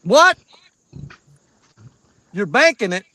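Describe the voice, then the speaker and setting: A man's voice: high voice, sing-song, very slow, bright, forceful tone. An older man chatting on a fishing show, telling wry stories and teasing the others. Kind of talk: casual chat.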